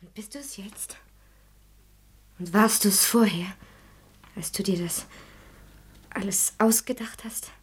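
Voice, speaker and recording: An actress playing a gentle, devout young woman in a radio drama, speaking softly and often in a whisper, with a very breathy voice. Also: mid-range voice, a little slow, long pauses. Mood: pleading, gentle. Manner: soft, hushed, often whispering.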